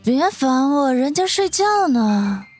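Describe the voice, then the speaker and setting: A man's voice: very high-pitched, sing-song, slow pace, soft background music, pitched above the performer's own voice, full character voice. A man voicing a drunk young woman who mumbles drowsily in her sleep, for an audiobook. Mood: sleepy. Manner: drowsy slurred sleep-talk. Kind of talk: audiobook character voice.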